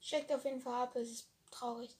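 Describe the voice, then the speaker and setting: A teenage girl chatting playfully in slang with a friend on camera, given to bursts of loud squealing. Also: fairly high pitch, steady tone, fairly quick. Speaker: vlogger. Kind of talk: casual chat.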